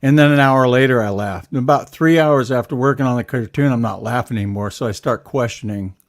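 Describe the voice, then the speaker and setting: A man's voice: mid-range voice, fairly quick. A man, a cartoonist, chatting casually, laughing often and reading his captions aloud. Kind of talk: casual chat.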